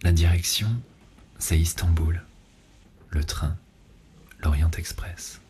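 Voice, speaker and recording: A man playing a seductive, ardent lover in an ASMR role-play, murmuring slowly and breathily, right in the listener's ear. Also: low voice, mellow, slight background noise. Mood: tender, longing. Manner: slow, intimate, breathy murmur close to the ear. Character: seductive male lover on a night train, intimate and ardent. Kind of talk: ASMR role-play, erotic audio narration.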